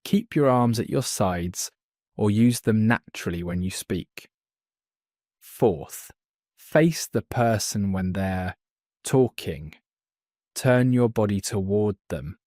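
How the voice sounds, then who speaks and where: A male English teacher narrates a scripted beginner lesson slowly, clearly and deliberately so learners can follow. His voice is a little low and darkish in tone. The recording is dry and close, with no room sound.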